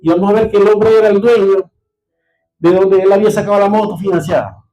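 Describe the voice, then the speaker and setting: A male pastor preaching a sermon in a high, warm, mellow voice. He tells stories from the pulpit and keeps asking the congregation if they are following. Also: fairly even intonation, a little fast, lo-fi sound, faint music behind. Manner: storytelling preacher who checks in with the congregation. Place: church service.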